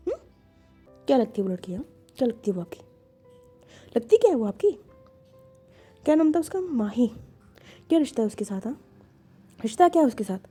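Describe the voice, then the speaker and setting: A woman voicing a hurt, jealous young woman who hurls fast, accusing questions at her partner. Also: a little high, mellow, husky. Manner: rapid, rising accusing questions.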